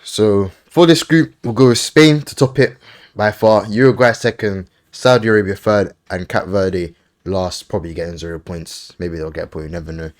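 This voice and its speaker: A man hosting a casual football podcast, briskly running through lists and giving offhand opinions. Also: fairly low pitch. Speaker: podcast host.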